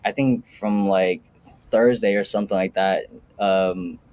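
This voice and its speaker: A man's voice: lowish voice, steady tone, measured pace, a little mellow, no room sound. A young man chatting casually as a podcast guest, rambling with lots of restarts and fillers. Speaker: podcast guest, new real estate agent. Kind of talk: casual chat.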